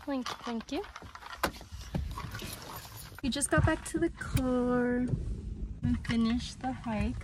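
Young woman vlogging slowly from her phone. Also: a little high, noisy background. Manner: relaxed, chatty, unhurried. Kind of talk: casual vlog narration. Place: car and outdoor mountain trail. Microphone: phone held at arm's length.

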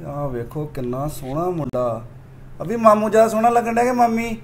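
A man's voice: high-pitched, steady tone, brisk, slight background noise. A young man, casually teasing his wife and nephew while showing their wedding album in a home vlog. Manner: teasing, playful banter. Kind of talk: casual family vlog chat.

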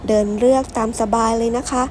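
A woman's voice: fairly quick, a little mellow, a little hiss or hum. A woman from Ratchaburi narrating a travel vlog, speaking politely and often addressing her viewers directly. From Ratchaburi, Thailand. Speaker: travel vlogger.

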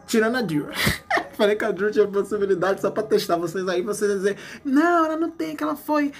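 A man's voice: high-pitched, fast. A man hosts a fan page and chats playfully with his viewers about celebrity news. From Brazil. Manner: chatty, playful, addresses viewers as gente. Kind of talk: casual celebrity gossip commentary.

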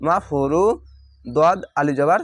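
Male teacher with a fairly high voice, patiently spelling out recitation syllable by syllable, close and dry. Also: steady tone, dry recording. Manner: slow drawn-out chanting of each word, then patient syllable-by-syllable spelling. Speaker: Quran reading teacher.

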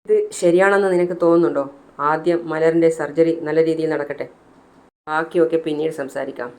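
A woman's voice: low voice, steady tone, a little fast, a little mellow. A narrator voicing a scheming woman who scolds and reasons with the mother. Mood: scolding. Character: scheming young woman, impatient.

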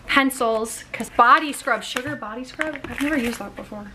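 A woman's voice: on the high side, moderate pace, background noise. A young woman with a bubbly, gushing sorority-girl manner, chatting casually for a vlog. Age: young adult. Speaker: vlogger, college sorority member.

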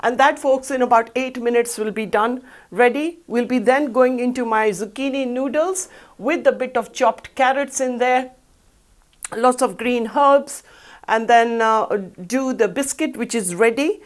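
A woman's voice: fairly high pitch, unhurried. A middle-aged woman hosting a cooking show, explaining each step in a chatty, upbeat way as she works in a studio kitchen. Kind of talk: cooking demonstration. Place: studio kitchen set, indoors.

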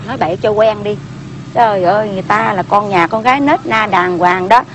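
A woman's voice: mid-range voice, fairly quick, slight background noise, close to an everyday voice. An actress playing a middle-aged mother who fusses over her family and scolds her children, sometimes half singing her lines. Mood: fussing. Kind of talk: Vietnamese reformed opera comedy acting.

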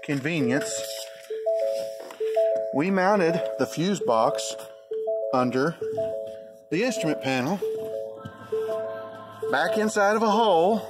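A man's voice: on the high side, animated, slow, long pauses, loud music behind the voice, pitched above the performer's own voice. A man putting on the voice of a smug, sarcastic male car designer, in a mock-helpful sing-song.

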